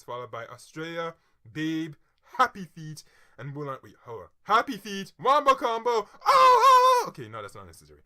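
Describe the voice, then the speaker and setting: A man with a very bright, sharp voice, reading quiz questions and musing over his guesses in a casual, chatty way. He mutters asides and teases himself, and his voice keeps a tense, forceful edge even when he drops low. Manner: chatty, self-mocking guesses, quick mutters and sudden excited outbursts. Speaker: quiz vlogger. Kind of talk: casual thinking aloud while reading a quiz.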